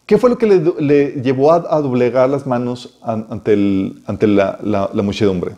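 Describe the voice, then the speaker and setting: A man teaching a conversational Bible study to a small group, animated and full of rhetorical questions, often checking in with a quick "sí". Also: mid-range voice, lo-fi sound.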